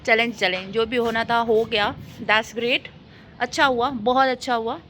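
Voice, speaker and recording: A young woman with a Pakistani accent chats outdoors for her vlog in a mocking, teasing tone. Her voice sits high and sounds bright and sharp. Faint outdoor ambience hums underneath. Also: steady tone, unhurried, a little hiss or hum. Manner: mocking, sarcastic, teasing banter. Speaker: vlogger. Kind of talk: casual chatty vlog.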